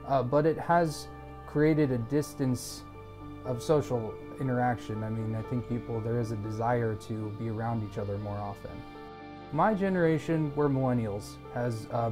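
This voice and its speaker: Young man in his twenties over guitar. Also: medium pitch. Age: 20s. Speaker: interviewee. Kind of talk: documentary interview answers.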